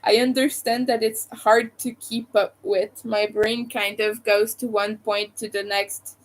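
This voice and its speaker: On a roughly recorded live stream, a young adult woman with a Montreal Quebec accent, from Quebec, Canada, talks casually with viewers in a rambling, hesitant way full of fillers. Her voice is mid-range with little pitch movement, and she is unhurried.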